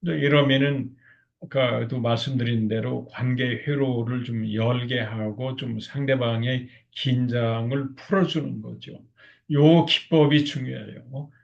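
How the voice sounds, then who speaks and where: A man's voice: medium pitch, fairly even intonation, unhurried, creaky, dull audio. A man lecturing on couples communication, often acting out spouses' lines and filling his talk with small fillers. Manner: acts out spouses' lines in quotes; frequent filler words.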